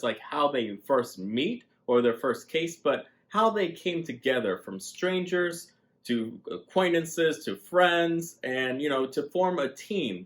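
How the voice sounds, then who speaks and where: A man's voice: fairly high pitch, fairly bright tone. A man talking casually and enthusiastically in a comic book review vlog, often saying "like". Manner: enthusiastic, gushing, says "like" often.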